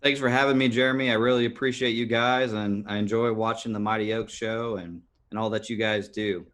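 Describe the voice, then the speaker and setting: Speaking a little fast, this lowish-voiced American man in his thirties has a steady, fairly bright tone. He's a guest on a podcast, recounting his life earnestly in an interview format, with plenty of fillers and false starts.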